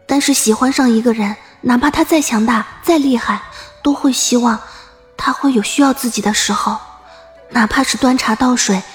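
A woman playing a wistful, lovestruck young former princess musing softly in an audio drama. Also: on the high side, close to an everyday voice. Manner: soft, reflective inner monologue.

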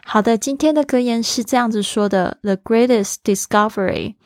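A woman, teaching an English lesson in a chatty way, spelling out words slowly and laughing easily. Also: a little high, dry recording, clean studio sound. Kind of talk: casual language lesson.

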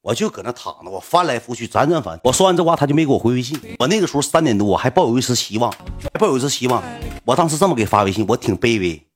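A man with a Northeastern Chinese accent telling a story casually to a livestream audience, animated and colloquial, swinging between loud and hushed. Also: mid-range voice, racing, soft background music. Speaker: livestream host.

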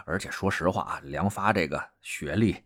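A man's voice: low voice, moderate pace, a bit bright. A man hosting a casual, joking history podcast, telling the story with lots of filler particles.

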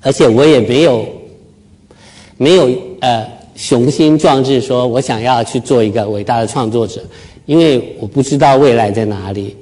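A man's voice: medium pitch, normal speed, warm tone. A middle-aged man from Taiwan giving a public talk, telling stories about himself with self-deprecating humor. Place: lecture hall with live audience.

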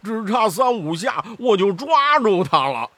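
A man's voice: on the high side, huge pitch swings, measured pace, dry recording, heavily acted. Zhu Bajie, a man putting on a grunting pig-demon. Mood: complaining. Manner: grunting "嗯" hesitations, whiny big-brother pleading. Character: boastful clumsy male pig-demon disciple. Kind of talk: storybook character voice.

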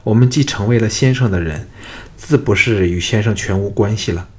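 A man's voice: on the low side, fairly quick, slightly rough. A man doing a proud, pleading young woman. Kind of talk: audiobook character voice.

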